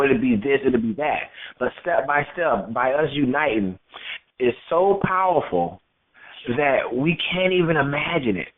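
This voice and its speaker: A man from Florida calling into a talk show on speakerphone, rambling and repeating words as he gives his opinion. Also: mid-range voice. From Florida, United States. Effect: on speakerphone over a phone line. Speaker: caller. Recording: tinny phone-line audio.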